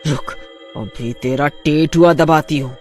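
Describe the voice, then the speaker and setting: A man's voice: on the high side, takes it slowly, soft background music. A man doing a bossy, cruel witch bride. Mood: scolding, menacing. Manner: loud, scolding, threatening. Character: furious witch daughter-in-law, bossy and cruel.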